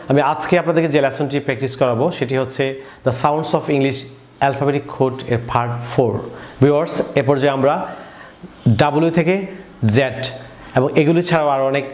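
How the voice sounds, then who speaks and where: A man's voice: medium pitch, a little mellow. A man with a Bangladeshi accent teaching English pronunciation, leading repetitive call-and-response drills for viewers. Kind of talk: classroom drill lesson. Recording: echoey room with faint noise.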